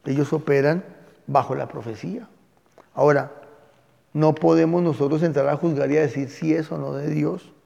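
Man, pastor, gravelly voice, fairly high, Bible class, lively storytelling. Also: normal speed, big-room sound, muffled recording.

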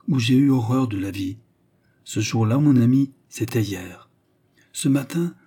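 A man's voice: mid-range voice, husky, lightly acted. Man reading as a grieving lovesick woman. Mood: sad solemn. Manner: soft, sad, solemn declarations. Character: grieving lovesick Indian woman, calm and intense.

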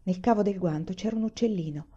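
Woman reading a story, mellow. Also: mid-range voice, fast, husky. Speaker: reader. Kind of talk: storybook read-aloud. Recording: muffled lo-fi recording.

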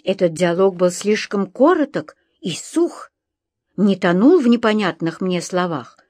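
A woman reading an audiobook in the first person, measured and softly tense. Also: mid-range voice, expressive, dry recording, clean studio sound. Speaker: audiobook narrator. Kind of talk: scripted first-person narration.

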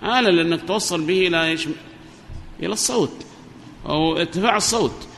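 A man's voice: sits high, fast talker, creaky, fairly bright tone. A man teaching an Arabic grammar lesson on a microphone, asking his students questions and repeating their answers. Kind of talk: classroom lesson explaining a grammar poem. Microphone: amplifier microphone. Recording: reverberant hall, faint background noise.

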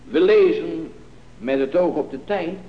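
A man preaching a sermon, in a solemn cadence that builds to loud, emphatic stretches. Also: on the high side, unhurried. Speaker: pastor. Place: church. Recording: old lo-fi church recording with long reverb.

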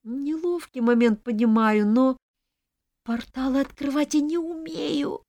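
A woman voicing a timid, frightened young woman in an audiobook, squeaky and panicky. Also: unhurried, a little mellow, no echo, studio quality. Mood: sheepish. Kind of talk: audiobook reading.

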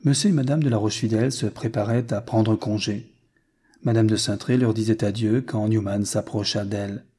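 Narrating a classic novel for an audiobook, a man reads in a measured, even manner. His voice is fairly low with a breathy edge.

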